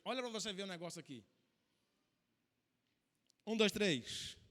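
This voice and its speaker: Telling his personal story from the pulpit, this Brazilian preacher has a high, animated voice that surges emotionally to loud, deliberate declarations. The church hall gives the recording a long reverb.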